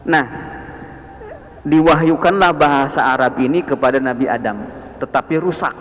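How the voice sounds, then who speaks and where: A man with a Sundanese accent teaching a dawn study session on the Quran, with animated rising emphasis on key words. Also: on the high side, normal speed. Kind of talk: mosque study sermon. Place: mosque. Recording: echoey mosque hall.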